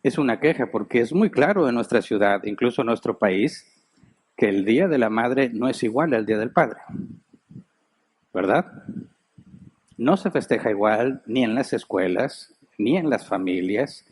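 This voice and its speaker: A man's voice: mid-range voice, expressive, unhurried, a little mellow, husky. Mexican man preaching in a chatty way. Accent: Mexican Spanish. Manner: storytelling, conversational, laughs while telling anecdotes. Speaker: pastor. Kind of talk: sermon. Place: church.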